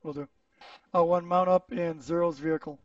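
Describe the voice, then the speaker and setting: A man's voice: on the high side, fairly even intonation, moderate pace, no echo, highs cut off. A man speaking as squad leader in a military simulation game, giving clipped, directive orders in radio-style tactical chat. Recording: distant mic, engine and vehicle noise.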